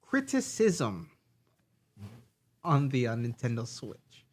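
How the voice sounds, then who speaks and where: A young man moderating a casual gaming podcast, speaking hesitantly and filling pauses with uhs. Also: mid-range voice, huge pitch swings, a little mellow.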